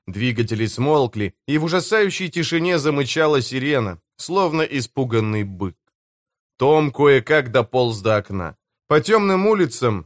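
A man narrating an adventure audiobook in an even, measured reading. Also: mid-range voice, no echo, studio quality. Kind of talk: scripted narration.

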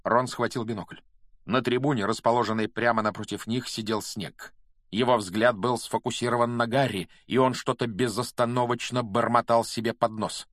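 A man narrating a fantasy audiobook in a brisk, steady storytelling manner. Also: mid-range voice, no room sound, clean studio sound. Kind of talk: scripted narration.

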